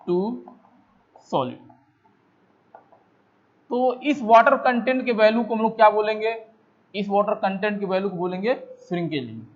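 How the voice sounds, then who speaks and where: An Indian civil engineering lecturer with a high-pitched voice teaches step by step, mixing Hindi with English technical terms. He repeats points and poses questions he then answers himself, recorded on a dull, lo-fi microphone.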